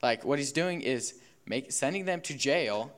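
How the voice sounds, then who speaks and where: A young man giving a relaxed sermon, full of fillers, who acts out the figures of a parable in quick voices. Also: medium pitch. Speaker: youth speaker. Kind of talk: casual sermon.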